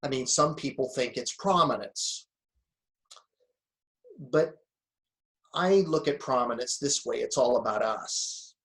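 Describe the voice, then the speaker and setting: A man's voice: mid-range voice, fairly bright tone. Around-sixty man, reflective storyteller. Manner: reflective, storytelling, chuckles often. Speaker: guest, motivational speaker and author. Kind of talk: relaxed conversational interview.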